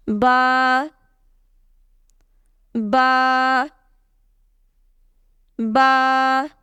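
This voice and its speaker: High-pitched woman teacher, really slow and careful, repeats sounds, dry close mic. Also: a little mellow, no room sound. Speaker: Quran recitation teacher. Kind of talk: slow tajweed lesson.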